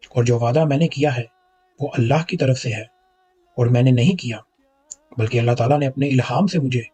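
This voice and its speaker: A man speaks in a measured, argumentative voice-over. His voice is raspy and breathy at a middle pitch. He quotes texts and weighs them point by point. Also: darkish tone. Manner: measured, argumentative, reading quotations aloud. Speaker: religious commentator rebutting a critic. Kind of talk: scripted voice-over rebuttal.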